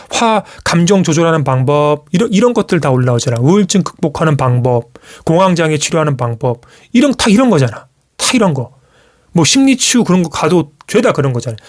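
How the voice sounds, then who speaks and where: A man streaming live, telling a personal story to his viewers in casual speech with frequent restarts, acting out what others said. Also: fairly high pitch. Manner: animated storytelling, acts out quoted parents. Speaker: YouTuber.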